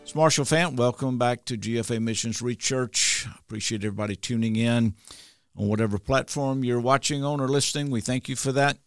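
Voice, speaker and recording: A man's voice: mid-range voice, a little fast, smooth, no echo, faint music behind. A man hosting a church podcast, welcoming listeners and introducing his guests in a folksy, casual way with many fillers. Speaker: podcast host.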